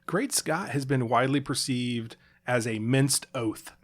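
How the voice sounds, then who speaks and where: A man's voice: medium pitch, unhurried. Chatty man co-hosting a podcast. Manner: chatty, explaining at length with fillers and restarts. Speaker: podcast co-host. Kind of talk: casual chat.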